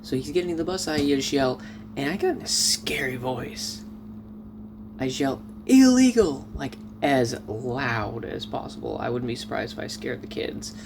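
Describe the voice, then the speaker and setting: Male vlogger, chatty and animated, average pitch; outdoor recording with audible traffic. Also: moderate pace, vocal fry. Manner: chatty, animated storytelling with excited outbursts. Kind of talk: casual vlog chat.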